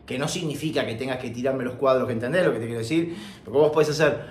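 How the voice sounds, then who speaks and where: A man's voice: medium pitch, very fast, reverberant. A man teaching a casual singing technique lesson, chatty and full of joking, self-mocking asides, recorded on a phone. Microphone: phone microphone.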